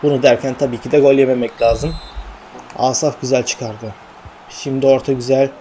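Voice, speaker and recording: A young man commentating his own football video game, urging his players on and shouting when chances come. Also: mid-range voice, moderate pace, a little hiss or hum. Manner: excitable, shouts at players, mutters to himself. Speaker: gaming channel host. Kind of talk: live gameplay commentary.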